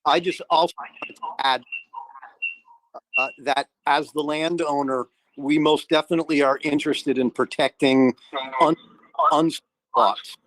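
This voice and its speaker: A man addresses a board meeting over a video call, his audio glitchy and breaking up as the internet connection drops in and out. He speaks haltingly, and some of his words get cut off partway through. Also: fairly high pitch, fairly even intonation, a bit bright, no room sound, poor audio. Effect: choppy, breaking-up internet call audio. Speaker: landowner's representative at a public board meeting. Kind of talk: public meeting remarks.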